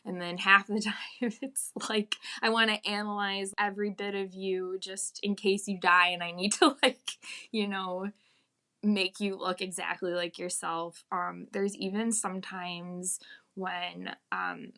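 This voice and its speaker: A woman's voice: mid-range voice, little pitch movement, measured pace, pushed and bright. Candid, reflective woman in casual conversation. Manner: informal, reflective, full of hedging asides. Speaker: interview guest, mortician.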